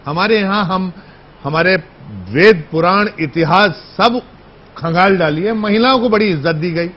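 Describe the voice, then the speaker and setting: You're a TV debate anchor asking pressing questions over a choppy, glitchy link that keeps cutting out; keep your voice high, husky and lively, sounding muffled. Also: male voice, a little slow. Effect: choppy, breaking-up remote audio link. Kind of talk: live TV panel questioning.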